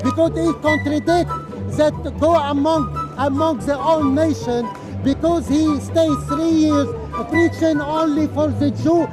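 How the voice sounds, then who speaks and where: A man arguing insistently in an outdoor street debate, halting with many restarts. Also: extremely high pitch, poor audio. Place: outdoors in a city park.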